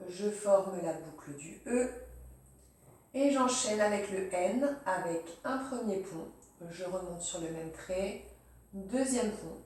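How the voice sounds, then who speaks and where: Sitting back from the microphone in a very echoey room, a woman teacher gives a slow handwriting demonstration, calmly naming each pen stroke as she makes it. Her voice is mellow and low in brightness, and her delivery is slow, even, and step-by-step.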